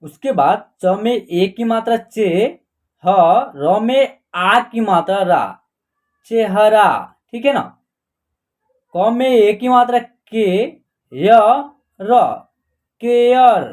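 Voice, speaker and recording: A man teaching an online Hindi lesson, patiently sounding out letters and words one at a time. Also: sits high. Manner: slow and patient, repeating and sounding out each letter.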